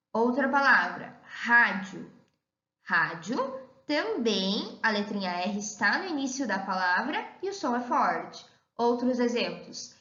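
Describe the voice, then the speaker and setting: Slow sing-song woman teacher. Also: a little high, bright, forceful tone. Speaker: primary school teacher. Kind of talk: online lesson for young children. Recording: echoey room, dull lo-fi sound.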